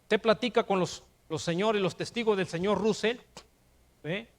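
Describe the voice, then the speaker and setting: An older man preaching a sermon in a Mexican accent, emphatic, with rhetorical questions and rising to shouts. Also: high voice, moderate pace. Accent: Mexican Spanish. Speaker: pastor.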